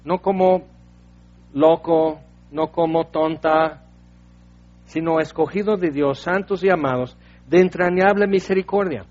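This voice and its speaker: A man preaching a sermon, swinging from quiet hushed passages to loud exclamations. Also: on the high side, a little slow. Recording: dull lo-fi recording.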